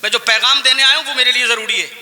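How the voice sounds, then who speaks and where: A man preaching an impassioned religious speech at a large gathering, often rising to shouts and stretching phrases for emphasis. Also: extremely high pitch, steady tone, quick pace, in a large hall. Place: large outdoor gathering with loudspeakers.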